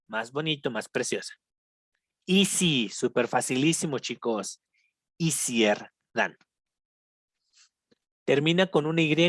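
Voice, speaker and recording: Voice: mid-range voice, fairly bright tone, no echo. Patient Mexican teacher, dry close sound. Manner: patient, repeats each example, checks in with students; switches between Spanish and slow English examples. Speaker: English teacher. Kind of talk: recorded online grammar lesson.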